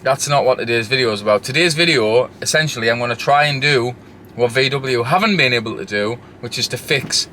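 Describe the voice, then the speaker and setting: A man from Sunderland in north-east England, with a moderate Mackem accent, chats casually while vlogging DIY work on his camper van. His mid-range voice sounds pushed and bright and runs a little fast, and he's blunt, colloquial and sweary. There's slight background noise.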